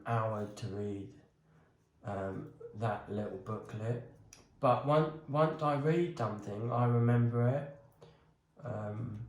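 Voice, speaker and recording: Slow, hesitant man in an echoey room. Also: on the low side, a little mellow. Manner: hesitant, many ums, talks himself through each step. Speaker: crafting vlogger. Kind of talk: casual talk while working on a bonsai. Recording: roomy echo.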